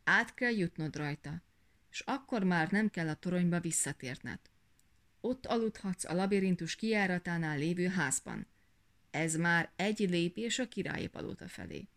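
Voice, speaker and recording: A woman voicing a stern, watchful dragon who speaks slowly and firmly. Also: lowish voice, lively intonation.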